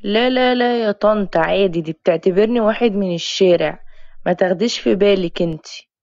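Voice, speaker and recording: A woman's voice: medium pitch, a little fast, a little mellow, dry recording, natural voice. A woman voicing a sulky young groom forced into marriage, speaking Egyptian Arabic in a defensive, grumbling way. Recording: dry, slightly dull recording.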